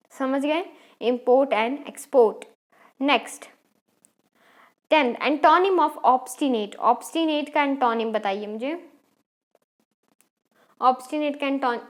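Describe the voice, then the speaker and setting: A woman teacher with an Indian English accent, explaining English exam questions step by step and quizzing her students. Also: high-pitched. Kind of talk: exam-prep English lesson.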